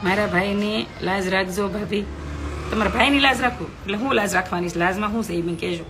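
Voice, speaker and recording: A woman's voice: mid-range voice, fairly quick, over music. A middle-aged woman, chatting bluntly with viewers on a phone live stream, scolding and preaching.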